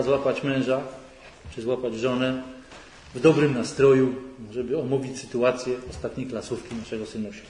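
A man's voice: medium pitch, darkish tone. A man giving a conversational lecture at a church retreat, often asking the audience rhetorical questions. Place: large sanctuary hall. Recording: echoey hall recording, faint noise.

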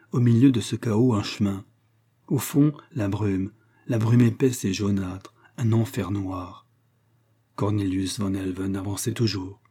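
A man narrating an adventure novel as an audiobook, with a measured, dramatic reading. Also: fairly low pitch, warm tone, breathy edge.

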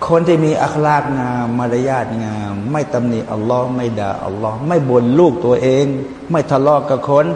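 A man giving a lively Quran commentary sermon, explaining verses, chanting Arabic passages and joking with his listeners. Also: on the high side. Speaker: Islamic preacher. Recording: echoey hall with faint background noise.

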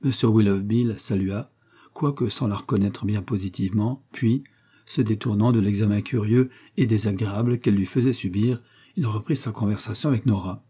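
Husky-voiced male audiobook reader. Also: fairly low pitch. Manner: measured, even storytelling. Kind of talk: scripted narration of a novel.

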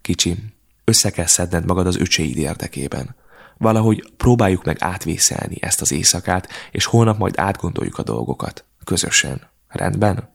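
A man's voice: deep voice, animated, gravelly, breathy edge, full character voice. A man reading a soothing aunt. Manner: gentle, reassuring. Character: caring middle-aged aunt, calm and soothing.

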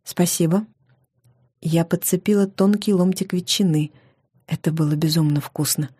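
A woman narrating a fantasy novel in the first person, in a wry, lively storytelling manner. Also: sits low, normal speed, breathy edge, no room sound, clean studio sound. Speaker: audiobook reader.

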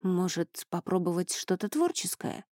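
A woman narrator voicing a cool-headed, inquisitive male professor, speaking calmly and thoughtfully. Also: on the low side, moderate pace, no echo, clean studio sound. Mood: musing. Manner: calm, inquisitive.

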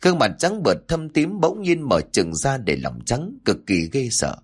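A man narrating a horror story in a dramatic, expressive way. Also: mid-range voice, breathy edge.

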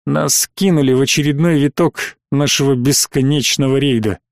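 A man's voice: medium pitch, fairly even intonation, normal speed, creaky, no room sound, clean studio sound, natural voice. A man voicing a stern, weary middle-aged space colonel who speaks in a clipped, commanding way, for an audiobook.

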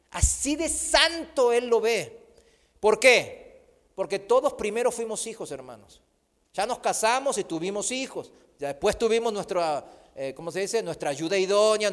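A man's voice: high-pitched, fairly bright tone. A middle-aged man, preaching a sermon emphatically and mixing in humorous stories about his own life. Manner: emphatic, with humorous personal anecdotes. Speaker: pastor. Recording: long hall reverb.

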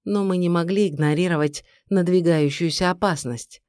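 A woman reading a first-person fantasy audiobook in a steady, even storytelling voice. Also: fairly low pitch, normal speed, no echo, studio quality. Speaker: audiobook narrator. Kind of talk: scripted first-person narration.

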